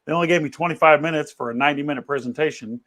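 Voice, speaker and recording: A man hosting a podcast over a video call, telling an animated anecdote full of restarts in a conversational way. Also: fairly high pitch, racing. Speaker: podcast host. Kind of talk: conversational storytelling. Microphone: video call camera.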